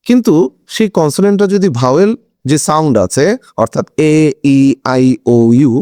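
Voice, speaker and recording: A man's voice: on the high side, a little mellow, no room sound, clean studio sound. A man teaching an English grammar lesson in a video, explaining step by step and asking questions that he answers himself.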